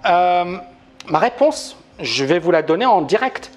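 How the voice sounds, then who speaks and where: Male trading educator on a live stream, animated, emphatic, keeps asking the audience questions, faint music underneath. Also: high-pitched, unhurried. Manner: talks to viewers, asks many questions. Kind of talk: live-stream market analysis.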